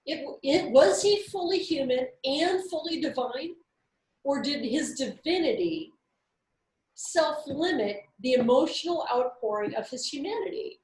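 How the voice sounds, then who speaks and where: A woman with a high, bright voice talks through a casual faith discussion as a co-host. She is candid and animated, and the room around her rings with echo. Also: a little slow. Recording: echoey room.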